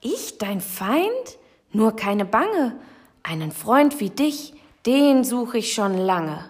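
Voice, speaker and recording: Woman doing a teeny shy storybook mouse, a bit higher, small and pleading. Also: sing-song, slow pace, darkish tone, husky, exaggerated voice. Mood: reassuring. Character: tiny shy timid female mouse. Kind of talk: storybook read-aloud.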